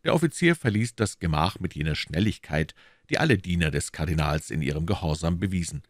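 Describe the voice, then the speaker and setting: A man reading a classic novel aloud as narrator, calm and low, voicing every character himself. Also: a little fast, dry recording, clean studio sound. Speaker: audiobook narrator.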